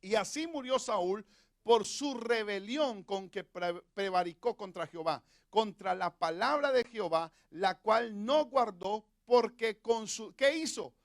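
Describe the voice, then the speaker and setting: Male pastor, high voice, dry close sound; preaching sermon with rhetorical questions. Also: animated, unhurried, no echo. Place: Europe.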